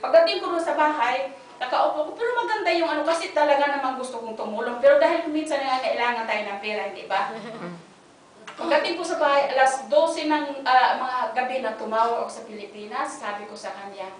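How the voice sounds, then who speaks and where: Woman from the Philippines, high voice, inspirational church speaker, acts out the dialogue, faint noise behind. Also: a little fast. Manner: animated storytelling, acts out dialogue, mixes in English. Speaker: guest speaker giving a testimony. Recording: echoey hall, distant mic, faint noise.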